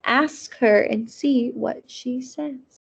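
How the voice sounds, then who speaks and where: A woman reading a gentle slow old librarian. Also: a little high, gravelly, husky, full character voice. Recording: dull lo-fi audio.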